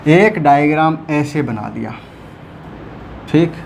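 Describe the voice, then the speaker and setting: A man's voice: fairly high pitch, lively intonation, takes it slowly, vocal fry, a little mellow. A man teaches counting problems at a board, speaking in a slightly raised voice. He keeps asking whether the class has followed. A faint background hiss runs under the recording. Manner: explains patiently, keeps checking students follow. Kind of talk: whiteboard math lesson.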